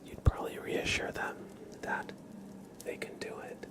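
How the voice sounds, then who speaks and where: Speaking as an ASMR streamer, a man offers positive affirmations in a breathy whisper, gentle and reassuring, his phrases coming out haltingly.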